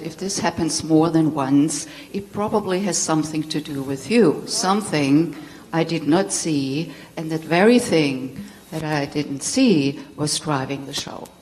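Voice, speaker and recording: Speaking to a live audience in a spiritual center hall, a German-accented tantra teacher in middle age recounts her personal story candidly and laughs often. Her low, slightly mellow voice carries long hall reverb and a little hiss or hum.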